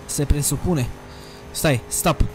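Young male gamer, high-voiced, crude and excitable, shouting bursts, casual play-by-play on a desk mic with faint game music behind. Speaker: gaming youtuber. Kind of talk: casual gameplay commentary. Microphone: desk USB microphone.

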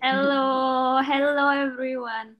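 A woman's voice: high voice, flat delivery, slow, muffled recording. A young woman with an Indonesian accent chats informally and jokingly as a guest on a video call. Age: young adult. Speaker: guest speaker. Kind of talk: casual chat.

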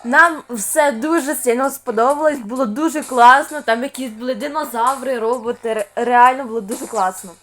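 A woman voicing every part of a toy game role-play, speaking softly as she switches between cashier, parent and child. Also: on the high side, normal speed, few pauses, faint music behind. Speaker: channel host playing all parts.

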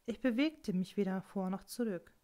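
Female audiobook narrator, calm, intimate first-person reading. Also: mid-range voice, moderate pace. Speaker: audiobook reader.

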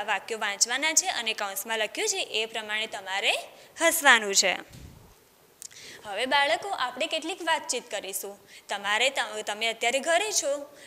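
A woman's voice: on the high side, bright, forceful tone, big-room sound. A woman teacher reading a story aloud to young children, stopping often to ask them questions. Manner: speaks directly to children, asking them questions.

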